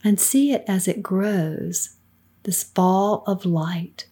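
A middle-aged woman with a soft, soothing, breathy voice, leading a guided meditation in a calm, unhurried manner with hushed phrase endings. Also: mid-range voice. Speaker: guided meditation leader, podcast co-host.

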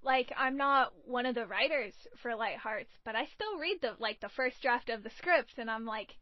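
A woman's voice: on the high side, moderate pace, dry recording, dull audio. A woman who makes audio dramas, chatting casually and saying "like" often. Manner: chatty, uses "like" a lot. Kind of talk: casual podcast chat.

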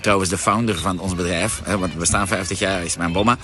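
Speaking quickly in a low, steady voice, a middle-aged Flemish coach who runs a shop responds to a viewer on a live-stream sales pitch. He is pushy and insistent, leaning heavily on repeated fillers.

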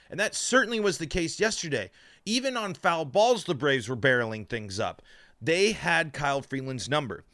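A man delivers sports commentary as a podcast host, with a mouth still numb from the dentist. His voice sits a little high and has a bright, forceful edge. He speaks emphatically, tripping on and repeating words as he goes. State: mouth numb from dental work.

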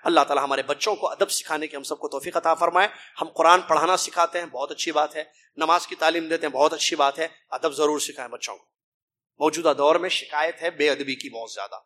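A middle-aged preacher from India or Pakistan speaks in a high, bright, ringing voice. He delivers an emphatic mosque sermon, throwing out rhetorical questions and calling his listeners brother. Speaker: preacher translating a Friday sermon.

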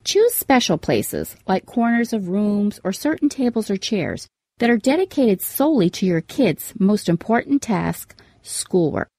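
A woman's voice: mid-range voice, very animated, a little slow, warm tone, no room sound. A woman hosting a scripted parenting advice show in an upbeat, tidy, advice-vlogger manner, setting out tips with emphasis. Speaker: podcast host giving parenting tips.

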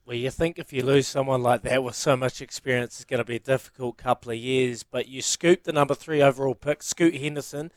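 A man's voice: medium pitch, steady tone, fairly quick, hardly any pauses, no echo. A man from New Zealand hosting a casual sports interview and putting questions to a guest. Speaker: interviewer, sports show host.

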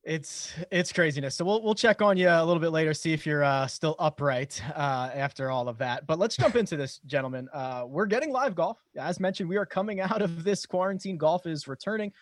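A high-voiced man hosting a golf podcast. He is upbeat and quick to laugh as he introduces each guest. The recording is dry. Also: no echo. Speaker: podcast host. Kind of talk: casual chat, introducing guests.

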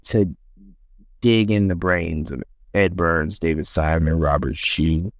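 A man speaking in a reflective, measured way about his time as an actor. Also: low-pitched, fairly even intonation, dry recording, studio quality. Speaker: interviewed actor. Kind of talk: reflective interview.

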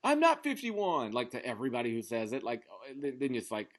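With a sing-song, medium-pitched voice and a fast delivery, a southern U.S. man from near Memphis, in his thirties, runs a casual sports podcast. He rambles emphatically and keeps dropping "like" into everything.

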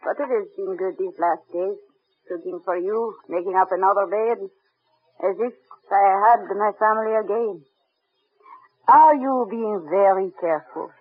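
An actress playing a kindly older French village widow with a French accent in old-time radio drama. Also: female voice, medium pitch, moderate pace, no echo, natural voice. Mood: tender, wistful. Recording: tinny narrow vintage radio sound.

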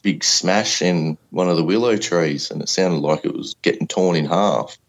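A man's voice: low voice, moderate pace. An Australian man in his thirties telling a story casually, in the plain, colloquial way of a laid-back working bloke. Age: 30s. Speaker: podcast guest. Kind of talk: casual first-person storytelling.

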